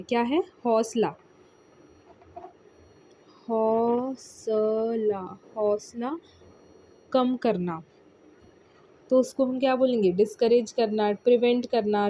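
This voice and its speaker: A young woman leads a relaxed vocabulary lesson, explaining each word patiently and repeating the key terms several times. Her voice sits a little high. A faint background noise runs under the recording. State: tired. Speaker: vocabulary teacher. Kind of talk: casual Hinglish vocabulary lesson.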